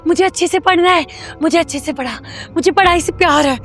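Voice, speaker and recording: A woman's voice: a little high, moderate pace, faint music behind, lightly acted. A woman playing a study-obsessed teenage girl who repeats herself coldly and insistently in an amateur horror drama. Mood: frantic, pleading. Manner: repetitive, insistent, threatening. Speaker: daughter.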